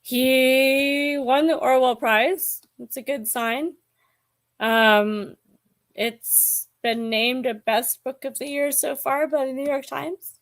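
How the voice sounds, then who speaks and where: A woman in her forties chatting casually about books to camera, hesitant and musing, with many pauses and ums. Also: sits high, steady tone. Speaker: book vlogger. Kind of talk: casual book chat to camera.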